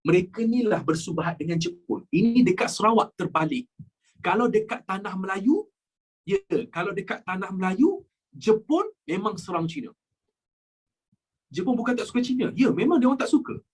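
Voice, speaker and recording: A man's voice: high-pitched, expressive, normal speed, breathy edge, low-quality recording. A young Malaysian man teaching a live online history class, jokey and repeating his key points, mixing in English phrases.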